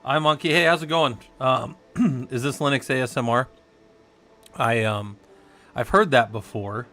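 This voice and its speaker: Speaking at a measured pace with a sharp, mid-range voice, this Southwestern American man teaches a relaxed tech tutorial on a live stream, musing aloud and talking with his viewers as he goes.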